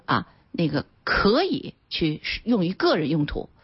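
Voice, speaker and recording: A woman lawyer speaking as a radio talk show guest, with a slightly husky, fairly high voice. She explains animatedly, jumping up and down in pitch as she acts out little scenes. The recording is a dry studio with a dull broadcast quality. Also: very animated, a little slow, no room sound.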